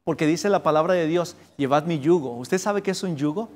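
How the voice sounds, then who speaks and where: Brief: earnest lay preacher teaching Sunday school, slightly high voice, swings from emphatic peaks to hushed lows. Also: male voice, brisk. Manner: earnest preaching, rising to emphatic peaks then dropping low; addresses listeners directly with rhetorical questions.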